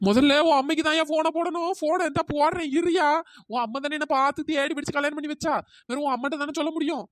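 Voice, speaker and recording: A voice actor playing a suspicious, dramatic young wife in a comic cartoon, wailing and accusing through a pitch-shifted cartoon voice. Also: fairly even intonation, fast talker, no room sound, clean studio sound. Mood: scolding. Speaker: cartoon character.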